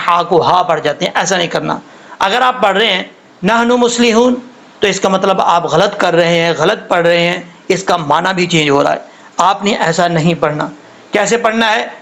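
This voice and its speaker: A man teaching Quran recitation, patiently explaining pronunciation step by step and slowly modeling each sound. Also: sits high, creaky, a bit bright, low-quality recording.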